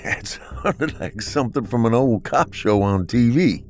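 A man's voice: medium pitch, lively intonation, unhurried, soft background music, pitched above the performer's own voice, natural voice. A man voicing a wisecracking young male deputy in an audiobook, with a raised, wry tone.

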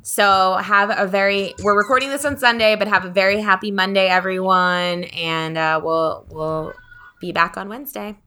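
A woman's voice: medium pitch, fairly even intonation, moderate pace, pushed and bright, clear, resonant tone. A woman co-hosting a podcast in casual chat, laid-back and giggly, with many fillers. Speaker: podcast co-host.

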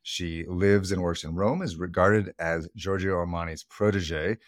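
A middle-aged man with a very low voice co-hosts a podcast. He chats casually, joking and rambling with plenty of fillers. The recording is dry and close. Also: a little slow, no room sound. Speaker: podcast co-host. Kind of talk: casual chat.

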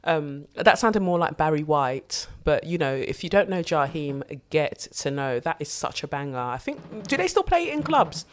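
A woman's voice: deep voice, sing-song, normal speed, few pauses. Slangy London woman hosting a podcast. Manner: sweary, slangy, candid and playful. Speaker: podcast host. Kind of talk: casual solo podcast chat.

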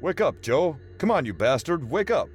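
A man voicing a rough male vigilante who shouts and curses, pitched above his usual voice. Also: fast talker, soft background music, lightly acted. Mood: angry. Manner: shouting, cursing.

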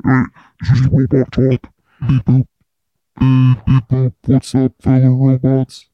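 Mock robot talk, deliberately slow, dark tone, a man putting it on as a studio joke. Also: medium pitch, monotone, dry recording, muffled recording, lightly acted. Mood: playful robotic. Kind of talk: casual studio jam chat.

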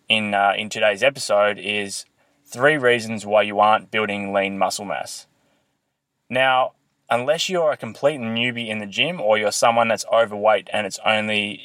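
A man hosting a fitness podcast, explaining and coaching earnestly, recorded with low audio quality on a built-in laptop microphone. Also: fairly bright tone, no room sound. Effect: low quality audio from a built-in laptop mic. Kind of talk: solo podcast, instructional talk.

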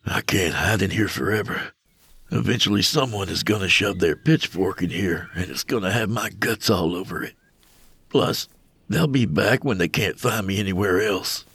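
A man's voice: low voice, animated, moderate pace, hardly any pauses, slightly rough, dry recording, exaggerated voice. A man voicing a frightened young modern man hiding from a mob in the Old West. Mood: whispering. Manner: frightened, whispered, pleading.

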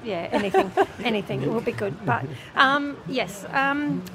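High-pitched, flustered middle-aged Australian woman. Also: unhurried, a crowd in the background. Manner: flustered, rambling, down-to-earth. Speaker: radio competition winner. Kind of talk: casual live on-air chat. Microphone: handheld microphone. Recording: clearly noisy background ambience.

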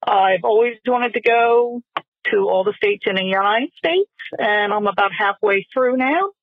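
A woman in her fifties from Delaware, asking a listener question in a friendly, hesitant way with pauses. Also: mid-range voice, no room sound. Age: 50s. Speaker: caller. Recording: tinny phone-like voice message.

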